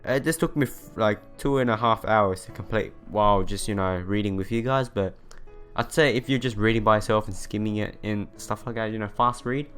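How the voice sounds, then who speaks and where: Over game music, a let's player, a young man, reads a visual novel aloud for his audience and adds informal, sincere commentary. He speaks briskly in a lowish, slightly bright voice.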